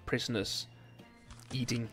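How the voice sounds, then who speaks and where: A young Danish man, not a native speaker, streaming a video game and chatting casually with viewers, with many ums and restarts. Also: medium pitch. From Denmark. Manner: relaxed, halting, lots of ums and restarts. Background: faint game music.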